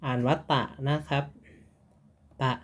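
A man teaching a casual online Japanese lesson, slowly repeating syllables and explaining each sound in a friendly, informal way.

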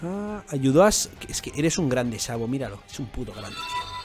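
A young man with a Spanish accent from Spain, giving casual, excitable, slangy reaction commentary as the channel host. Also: mid-range voice, moderate pace. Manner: excitable, slangy, often restarts words. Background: faint music.

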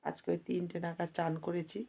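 Hoarse housewife chatting to viewers. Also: female voice, fairly low pitch, completely flat delivery, a little fast, warm tone. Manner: chatty, addresses viewers as friends. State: hoarse from a cold. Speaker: vlogger. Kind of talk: casual home vlog chat. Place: home kitchen.

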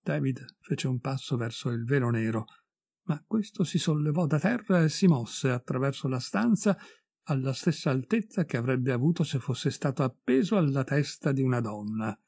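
Husky male audiobook reader, dry sound. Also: animated, moderate pace, a little mellow, no echo. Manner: voices characters with raised pitch and emphasis. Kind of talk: expressive audiobook narration.

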